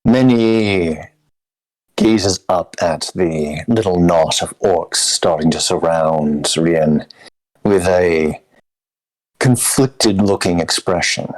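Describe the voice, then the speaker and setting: A man with a very deep voice plays a tabletop game as a storyteller. He speaks slowly and deliberately, with a wry theatrical touch. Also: a little mellow, low-quality recording.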